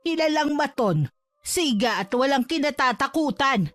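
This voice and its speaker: A woman's voice: high-pitched, lively intonation, normal speed, a bit bright, faint music behind. A woman voicing a fierce, protective middle-aged mother who scolds sharply. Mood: furious. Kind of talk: audio drama acting.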